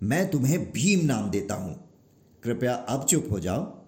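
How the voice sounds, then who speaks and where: A weary old creator god, as a male storyteller voices him, pleading and exasperated, his lines sliding up and down with feeling. He speaks unhurriedly and a little lower than the narration. The room gives the voice a noticeable echo. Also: sing-song, measured pace, darkish tone.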